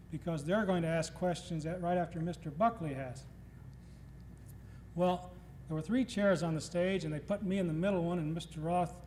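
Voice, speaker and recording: Slightly high and mellow, the voice belongs to a middle-aged man from Nashville, Tennessee, guest lecturing with humor in front of an audience. He tells stories and acts out other speakers' words, heard on old tape in a reverberant hall with faint noise.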